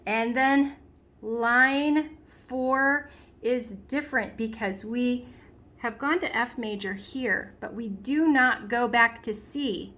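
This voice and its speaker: A woman's voice: a little high, slow pace, a bit bright. A woman giving a step-by-step piano lesson, patiently explaining and counting and half-singing the beats aloud. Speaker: piano teacher. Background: piano played along.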